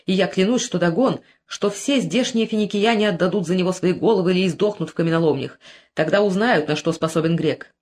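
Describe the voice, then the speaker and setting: A reader voicing a young Greek man who is jealous and furious, shouting threats in an audiobook. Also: mid-range voice, fairly quick, natural voice. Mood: urgent. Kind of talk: audiobook character voice.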